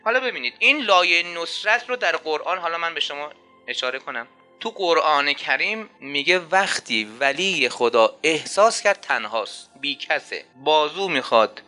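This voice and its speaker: A man's voice: a little high, sharp tone. A man preaching a religious sermon in an emphatic style, repeating key phrases and asking rhetorical questions.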